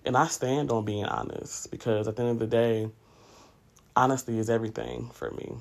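This man, a podcast host in his late thirties, has a mid-range, creaky voice and keeps a steady tone at a moderate pace. He talks candidly and conversationally, drifting into asides during a relaxed, reflective monologue and frequently saying "you know."

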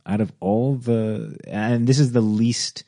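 A man co-hosting a casual movie podcast, sharing opinions in a hesitant way with many pauses and restarts. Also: medium pitch, dark tone. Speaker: podcast co-host. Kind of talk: casual chat.

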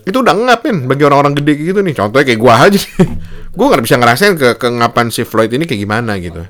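Young dude telling a story casual, mid pitch, slangy, jumps way up for quotes. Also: male voice, sing-song, fast talker, fairly bright tone. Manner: slangy Jakarta-style speech, acts out quotes in a high voice.

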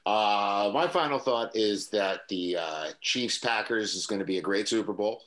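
A man's voice: on the low side, normal speed, a bit bright. A man co-hosting a sports podcast, rambling through his thoughts with lots of fillers. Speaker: podcast co-host. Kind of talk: casual sports chat.

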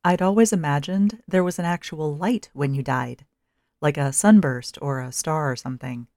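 Low-voiced woman narrating a story. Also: moderate pace, darkish tone, no echo, studio quality. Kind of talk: first-person story narration.

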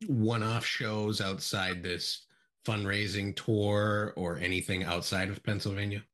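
A man with a low voice hosts a podcast interview. He puts short, plain questions to his guests. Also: little pitch movement, a little slow, fairly bright tone. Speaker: podcast host.

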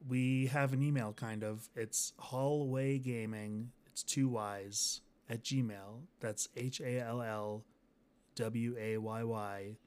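A man's voice: mid-range voice, darkish tone. A young adult man co-hosting a casual gaming podcast, laid-back with dry, teasing humor. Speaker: podcast co-host.

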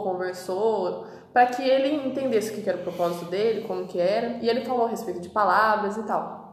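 A woman with a Brazilian Portuguese accent interviewing a pastor in a gentle, conversational way. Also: medium pitch, a little hiss or hum. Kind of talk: church interview. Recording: echoey hall with long reverb.

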